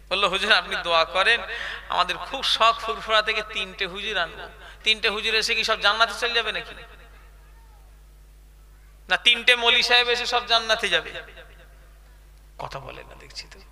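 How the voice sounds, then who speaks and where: A man's voice: high voice, normal speed, long pauses, pushed and bright, long reverb tail. A man preaching a waz sermon, chatty and quizzing the crowd with questions.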